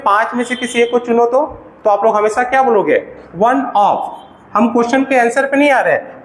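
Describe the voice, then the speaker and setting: A man's voice: extremely high pitch, echoey room, poor audio. A man with an Indian accent teaching an English grammar lesson for exam preparation. He keeps asking questions and answering them himself. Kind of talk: classroom-style grammar lesson.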